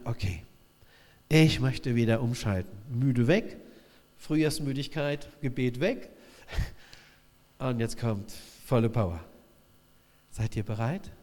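A man preaching a sermon in a lively, animated way, acting out quotes in different voices. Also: medium pitch. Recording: reverberant hall.

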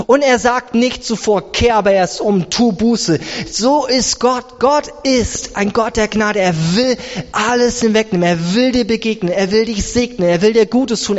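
Guy preaching a sermon, pretty high voice, goes up and down a lot, dull muffled sound. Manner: emphatic, rises and drops sharply in pitch. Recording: reverberant hall, dull sound.

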